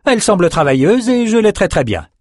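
A man's voice: high voice, big pitch swings, fast, a little mellow, no echo, studio quality, voice pushed up. A man reading an audiobook, voicing an outspoken young woman. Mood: forthright.

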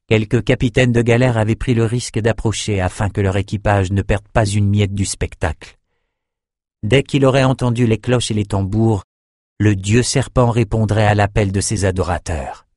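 A man reading a dark fantasy audiobook in a measured, grave narration. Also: fairly low pitch, fairly even intonation, no echo, clean studio sound. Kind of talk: scripted narration.

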